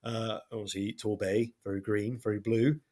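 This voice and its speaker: A man's voice: fairly low pitch, level tone, moderate pace, a little mellow. A young man with a broad Devon accent, chatting on a podcast about running his game, rambling and self-deprecating. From Devon, England. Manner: rambling, self-deprecating, full of fillers and restarts. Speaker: podcast host and game master. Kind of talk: casual podcast chat.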